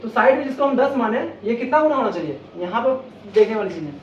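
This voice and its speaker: A man's voice: very high voice, animated, fast talker. A man teaching an exam-prep maths lesson, walking through each step and repeating questions back to the viewer before answering them. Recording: roomy, distant, dull lo-fi sound, faint noise.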